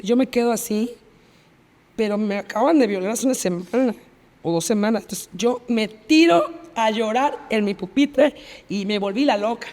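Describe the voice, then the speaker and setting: A woman's voice: a little high, normal speed, a little mellow, big-room sound. A woman with a Mexican accent, a podcast interview guest telling a personal story in vivid detail and repeating phrases as she relives the scene. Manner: vivid retelling, reenacts past dialogue, repeats phrases.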